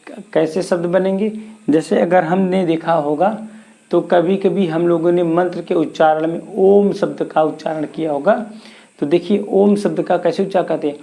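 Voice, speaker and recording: A man's voice: high-pitched, steady tone, normal speed, vocal fry, warm tone. A man teaching a grammar lesson for exam preparation, asking questions and answering them himself.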